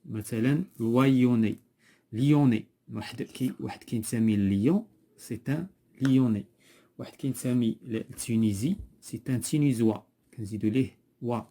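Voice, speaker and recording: This primary school French teacher is a man with a Moroccan Arabic accent and a dark-toned, mid-range voice that moves a little fast. In class he patiently repeats terms and prompts a pupil to finish words.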